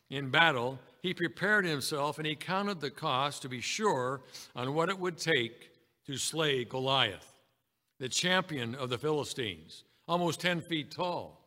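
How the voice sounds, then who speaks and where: A man's voice: fairly high pitch, sharp tone, long reverb tail. A man preaching a sermon, reading scripture aloud and calling his congregation brethren.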